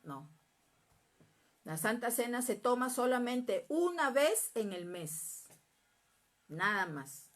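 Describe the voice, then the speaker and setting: Woman Bible teacher with a fairly high voice, earnest and repetitive, checking in with a quick "mm?" now and then. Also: big pitch swings. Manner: acts out prayers and quoted speech.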